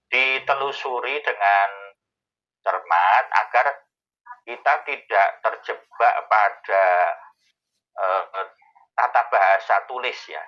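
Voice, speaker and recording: A man, explaining answers to a host's questions in a thoughtful way, pausing often to find his words. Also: fairly low pitch, dull audio. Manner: thoughtful, with many pauses and fillers. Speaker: Islamic scholar answering questions. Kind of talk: explanatory Q&A talk.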